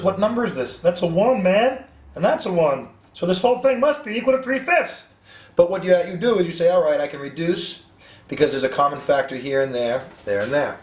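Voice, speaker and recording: Playful male math teacher, slightly high voice. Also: darkish tone. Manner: playful, jokey, talks to students as dudes; thinks aloud with many ums and rhetorical questions. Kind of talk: casual video math lesson.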